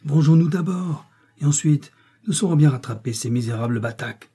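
A man voicing a brutal former convict who leads a gang, shouting harsh orders. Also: medium pitch, fairly quick, husky.

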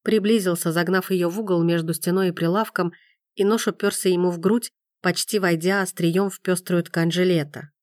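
A woman narrating a romance audiobook in a measured, expressive way. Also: fairly low pitch, no echo, clean studio sound.

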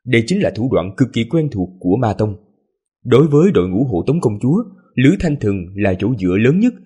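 Hoarse, mellow male story narrator. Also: medium pitch. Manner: relaxed, chatty asides with fillers. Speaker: story narrator and channel host. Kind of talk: serialized audiobook narration.

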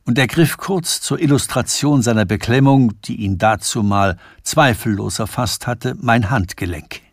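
A man narrating a literary novella in a measured, precise studio reading for radio. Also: mid-range voice, no room sound. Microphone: studio microphone.

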